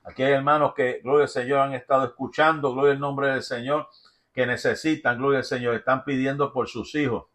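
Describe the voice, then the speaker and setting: A man's voice: medium pitch, steady tone, brisk, fairly bright tone. A man leading a fervent intercessory prayer as pastor, reading out requests and repeating praise between phrases.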